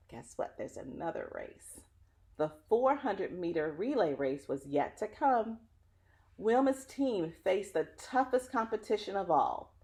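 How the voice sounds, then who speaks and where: Here a storyteller with a darkish, mid-pitched voice reads from a picture book with drama and expression. She keeps her audience engaged by talking to them directly in casual asides.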